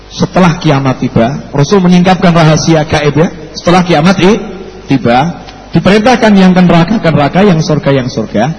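A man with a Javanese accent preaching a sermon, telling a story in a lively way. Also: on the high side, a little fast. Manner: lively, switches into local dialect. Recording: echoey hall, faint background noise.

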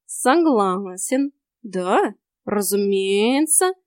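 A woman voicing a cheeky, sly male house cat in an audiobook, with a slow, smug, teasing delivery. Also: high voice, animated, a little mellow, dry recording, clean studio sound, voice pushed up.

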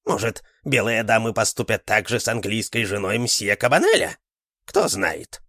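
Guy doing a sly old fortune-teller, shouty and lively, dry close sound. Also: on the low side, no room sound, exaggerated voice. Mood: drawling. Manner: excited exclamations, drawn-out words.

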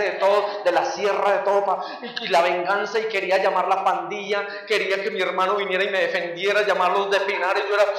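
A Colombian man preaching a testimony in a high, bright-edged voice. He tells his story with lively energy, acting out the scenes. The sound is caught from far off and rings through a big echoey hall. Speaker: youth pastor giving a testimony. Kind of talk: sermon testimony.

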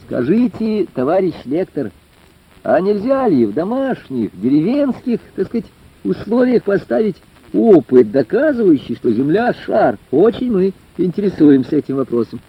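A man voicing a mischievous young villager who asks questions loudly with feigned seriousness, on a dull lo-fi recording. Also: sits high, very animated, moderate pace, breathy edge, voice pushed up, exaggerated voice. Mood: mock-earnest. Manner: loud, mock-serious questioning.

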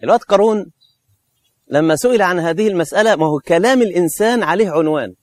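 A man's voice: high voice, fast. A man with an Egyptian accent preaching a colloquial sermon, emphatic and scolding, firing rhetorical questions. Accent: Egyptian Arabic.

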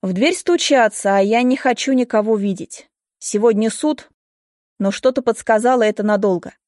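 A woman reading a first-person story aloud in a steady, emotive way. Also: on the high side, moderate pace, no room sound, clean studio sound. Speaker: audiobook reader. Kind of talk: scripted first-person narration.

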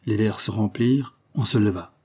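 A man narrating a historical story as an audiobook in a measured, literary reading. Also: fairly low pitch, mellow, husky.

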